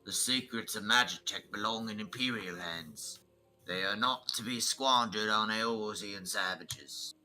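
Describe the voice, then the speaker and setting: A man voicing a haughty, contemptuous imperial officer, reading game dialogue aloud in a slow, commanding way. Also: on the low side, sharp tone, soft background music, poor audio. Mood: scornful commanding.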